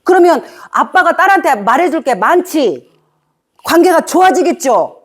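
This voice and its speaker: A middle-aged woman gives a lecture to parents in a chatty, teasing way. Her pitch swings widely as she fires questions at the audience. She is picked up on a mic in a hall. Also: very animated, normal speed.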